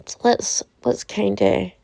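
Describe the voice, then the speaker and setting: A woman from the UK with a sore throat, giving casual, opinionated commentary in a deliberate, emphatic way, repeating phrases for effect. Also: medium pitch, steady tone, creaky, dark tone, no room sound. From United Kingdom. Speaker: commentator reading and reacting to a website.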